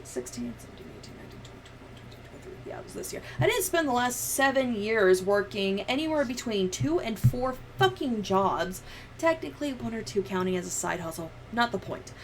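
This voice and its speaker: A young American woman chats casually on a livestream while editing a video, sounding sweary and sardonic. Her voice is a little high and sing-song, and she talks fairly quickly. Background noise and room ambience are clearly audible.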